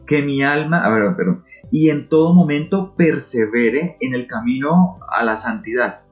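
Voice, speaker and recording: A man's voice: medium pitch, measured pace. A man speaking as an interview guest, talking earnestly and emotionally about faith and prayer, often repeating words for emphasis. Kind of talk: reflective talk on faith and prayer. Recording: muffled recording with faint music. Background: faint music.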